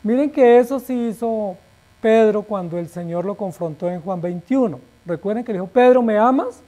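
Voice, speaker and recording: A male pastor preaching a sermon emphatically, asking rhetorical questions and letting his phrase endings fall quiet. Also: sits high, moderate pace.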